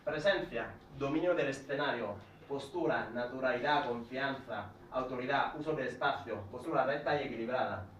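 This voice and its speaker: An Italian man with an Italian accent gives an educational talk to a live audience at a speaking club, methodically listing points and illustrating each with examples. His voice is medium-pitched and fairly bright, at normal speed with hardly any pauses. The recording is muffled with slight hiss or hum, captured from a distance in an echoey room.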